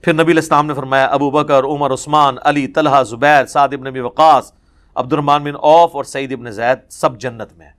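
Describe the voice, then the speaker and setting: A man giving a religious lecture, telling narrations in an animated way and acting out the quoted speech. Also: mid-range voice. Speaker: religious scholar.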